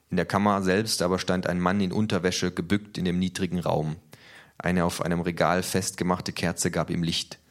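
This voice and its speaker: A man giving a calm, measured scripted narration of a story. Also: low voice.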